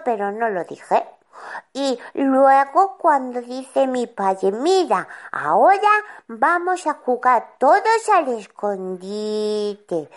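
A woman's voice: high-pitched, exaggerated voice. A woman doing a chatty little boy. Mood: stubborn. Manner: childish storytelling, playing out every voice. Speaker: child character.

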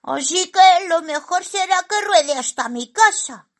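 A woman voicing a tiny, greedy and excitable male forest creature in a storybook reading, with squealing, gleeful exclamations. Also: very high voice, unhurried, pitched above the performer's own voice, exaggerated voice. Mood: whiny. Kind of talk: storybook narration.

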